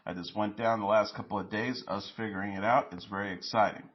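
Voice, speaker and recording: A man reads entertainment news as host, his voice sitting low. He carries quotes in the same plain tone, tripping now and then on a word. The recording sounds dull and lo-fi. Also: fairly even intonation, fast.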